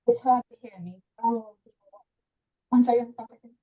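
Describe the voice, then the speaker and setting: A woman's voice: on the high side, moderate pace, mellow. A woman on an online group call whose microphone keeps cutting out and breaking up, apologizing as she fixes it. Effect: microphone breaking up, audio cutting out. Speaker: webinar participant. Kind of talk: casual spoken testimonial on a group call. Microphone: headset or computer mic on a video call. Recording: dull, lo-fi online call audio.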